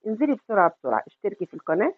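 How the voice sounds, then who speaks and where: Fast-talking Egyptian woman cooking host, tinny. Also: mid-range voice, big pitch swings, no echo. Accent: Egyptian Arabic. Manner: affectionate, calls the viewer sweetheart, asks and answers her own questions. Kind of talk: chatty home cooking tutorial.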